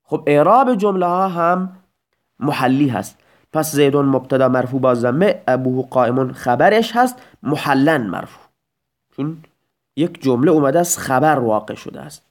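A man's voice: mid-range voice, expressive. A man teaching Arabic grammar in an audio lesson, explaining step by step and asking rhetorical questions.

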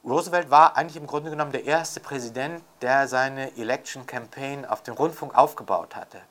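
An older scholar and author talks spontaneously in an interview about intellectual matters, reflective and emphatic, frequently tacking on rhetorical tags. He speaks at a moderate pace in a mid-range, fairly bright voice.

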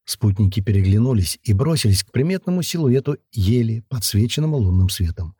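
A male audiobook narrator with a dark, husky voice, recorded close on a studio mic in a dry space. He reads fantasy prose in a steady storytelling manner. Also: mid-range voice, brisk, no echo.

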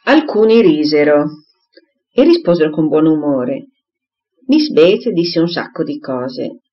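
An audiobook narrator reading a classic novel aloud in a lively, expressive way. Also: medium pitch, a little slow, slight background noise. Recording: dull lo-fi recording.

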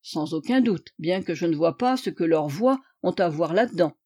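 A woman's voice: lowish voice, lively intonation, normal speed, dark tone, husky. A woman voicing an impatient, skeptical male police inspector in an audiobook, speaking curtly. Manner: curt, irritated. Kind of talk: audiobook character reading.

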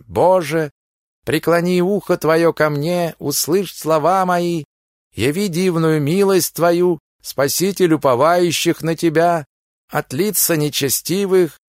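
A man's voice: on the high side, dry recording, clean studio sound, pitched above the performer's own voice. A man voicing a sly male elder who chants a psalm in a sonorous voice. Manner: chanting, intoning prayer.

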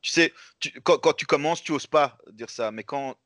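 A man's voice: a little high, normal speed, dry recording. A man in his forties, a comedian guest, chatting casually and telling anecdotes, acting out what people said. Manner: animated storyteller, acts out dialogue. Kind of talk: casual interview chat.

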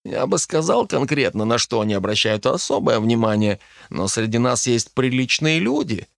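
A man voicing a brash, crude teenage boy at a magic academy, loud and impatient, teasing his friend. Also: medium pitch, very animated, normal speed, gravelly, no room sound, clean studio sound. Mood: mocking, rowdy. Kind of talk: audiobook character voice.

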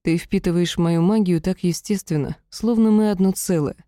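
A woman voices a tender male elf healer from a fantasy audiobook, speaking quietly and affectionately in a low, mellow tone. The sound is close and dry. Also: normal speed, dry recording, lightly acted. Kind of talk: audiobook character reading.

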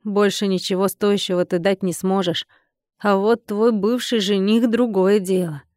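A woman voicing a calm, self-assured scheming man in an audiobook, cool and mildly mocking. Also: mid-range voice, normal speed, no room sound, clean studio sound, lightly acted. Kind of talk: audiobook character reading.

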